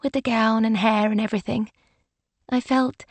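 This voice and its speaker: A woman's voice: a little high, steady tone, moderate pace, no echo. A woman voicing a shy, prim young lady. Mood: sleepy.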